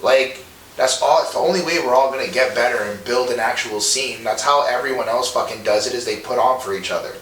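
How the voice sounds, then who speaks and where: A man's voice: mid-range voice, fairly quick, fairly bright tone, distant mic. Casting: young man in his twenties from Montreal, earnest and profane, loose rambling talk, recorded off-mic in a roomy space with faint hiss. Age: 20s. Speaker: rapper guest. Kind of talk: casual monologue interview.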